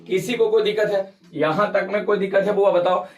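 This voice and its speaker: High-voiced teacher quizzing a class. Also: male voice, steady tone, brisk, lo-fi sound. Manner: questioning, repeats terms for students to echo. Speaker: physics teacher. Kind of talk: classroom lecture with call-and-response. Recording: echoey room, mic far off.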